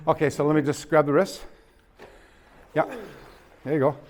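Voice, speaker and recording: A man teaching a hands-on martial arts class in a dojo, coaching students with quick commands and laughter. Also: on the high side, level tone, darkish tone. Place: dojo hall.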